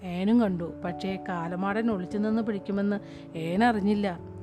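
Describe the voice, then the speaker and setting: A woman's voice: mid-range voice, steady tone, unhurried, over music, natural voice. A woman voicing a frightened young farmhand. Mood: troubled. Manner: quiet, troubled confiding.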